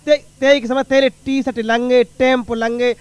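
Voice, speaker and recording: A man playing an exasperated village uncle who scolds and blusters quickly. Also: very high-pitched, level tone, clear, resonant tone, no room sound.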